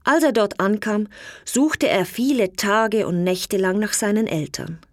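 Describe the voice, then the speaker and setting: A woman reading a fairy tale aloud in slow, clear storybook narration. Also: mid-range voice, no echo, clean studio sound. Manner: slow, clear storytelling with lively voiced quotes.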